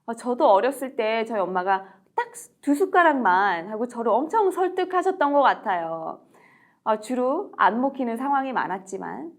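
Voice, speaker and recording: A woman teaching English in a recorded lecture, repeating English phrases slowly and clearly, with a friendly, encouraging tone. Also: fairly high pitch, sing-song. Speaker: English teacher and book author.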